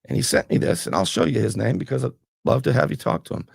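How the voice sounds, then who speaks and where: A man's voice: mid-range voice, animated, fast, vocal fry, husky, no echo, studio quality. A man hosting a talk show, getting fired up and blunt as he questions his guest. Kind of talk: heated political interview.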